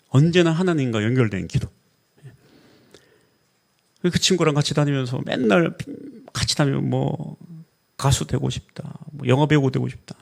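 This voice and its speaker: A man's voice: mid-range voice, gravelly. A middle-aged man preaching a Sunday sermon as pastor, telling stories and acting out the dialogue in them. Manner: animated storytelling, acts out quoted dialogue.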